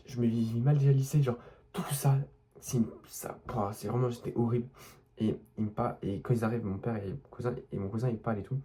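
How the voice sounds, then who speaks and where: This young French vlogger's lowish, warm voice carries a rambling, unscripted personal story. He keeps restarting, fills gaps with fillers, and breaks off to speak straight to his listener.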